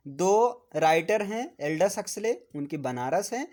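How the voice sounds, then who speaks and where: A teacher with a Hindi accent gives a classroom lecture in an animated, unhurried way, his voice sitting high and a little mellow. He repeatedly asks "है ना?" and spells words out for his students.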